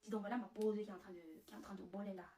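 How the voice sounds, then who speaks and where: A chatty man sweet-talking a woman at work, put on by a woman, dropping English words into his French. He speaks at an ordinary pitch, and the sound is roomy, picked up from a distance away from the mic. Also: fairly even intonation, racing, mellow, a little hiss or hum, natural voice. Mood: flirty. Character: smooth-talking Cameroonian man flirting at work.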